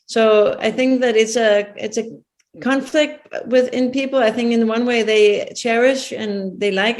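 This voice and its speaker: A woman from Denmark with a Danish accent, a film producer answering interview questions thoughtfully and searching for her words. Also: mid-range voice.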